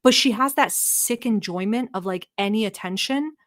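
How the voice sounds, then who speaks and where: A Turkish woman hosts a live stream, reacting to a video with blunt, mocking, profane commentary while she talks to her chat. Her voice is mid-range and her speed normal.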